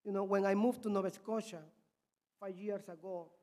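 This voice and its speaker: A man's voice: sits high, fairly even intonation, normal speed, warm tone. A man from Peru preaching a sermon as a missionary, with a Peruvian Spanish accent and impassioned, swinging volume.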